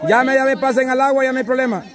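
Man, very high pitch, commanding, repeats his calls, outdoors by water. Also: steady tone, fast, a crowd in the background. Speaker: event organizer calling a rope-crossing contest. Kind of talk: live instructions to teams outdoors.

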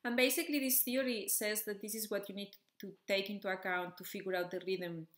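A woman at an ordinary mid-range pitch walks the listener through a topic step by step. She has the careful, checking-in manner of a music educator. Her voice carries a noticeable room echo. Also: steady tone, a little fast, a bit bright. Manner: clear, methodical, with frequent "okay" and "so" check-ins. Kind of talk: explanatory video lesson.

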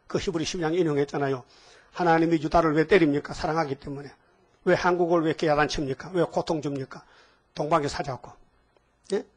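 A man's voice: fairly high pitch, breathy edge. A man in his seventies preaching a sermon in a folksy way, asking the congregation questions and adding homely asides. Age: 70s. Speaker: pastor. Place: church hall.

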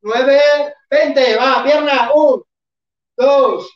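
High-voiced workout coach counting reps, slow and far off the mic in an echoey room. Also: dull audio. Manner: counts reps and urges the class on, sometimes shouting. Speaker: fitness instructor. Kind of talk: live online workout class.

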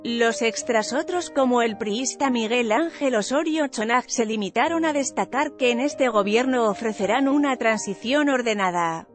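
A woman's voice: a little high, normal speed. A woman reading a scripted news voice-over with a wry, sardonic delivery. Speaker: news narrator. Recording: faint music bed behind.

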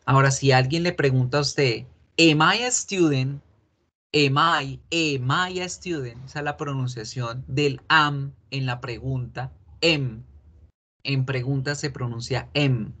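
A man's voice: medium pitch, normal speed, few pauses, fairly bright tone. A man teaching English in an online class, explaining patiently and repeating examples.

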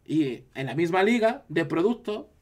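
A man's voice: fairly high pitch, sing-song, normal speed, a little mellow. A man from Spain with a Spanish accent, chatting casually on a live stream and reacting to his chat.

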